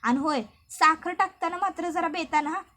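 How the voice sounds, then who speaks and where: A woman's voice: extremely high pitch, normal speed, sharp tone, faint music behind. A woman voicing a playful, persistent village husband who teases in a rural dialect. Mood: teasing. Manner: rural dialect, teasing, insistent. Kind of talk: recap narration with read-out dialogue.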